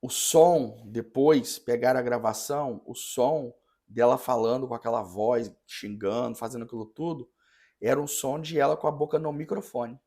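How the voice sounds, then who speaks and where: This man, a parish priest, relates a story in a podcast chat. His delivery is sincere but halting, full of false starts, and his voice sits at a medium pitch with a dark tone.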